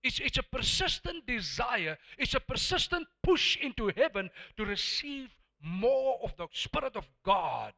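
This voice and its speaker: A South African preacher, Afrikaans his first language, delivers an emphatic sermon full of repeated words, alternating between soft and loud. His extremely high, sing-song voice moves a little slowly with vocal fry and few pauses.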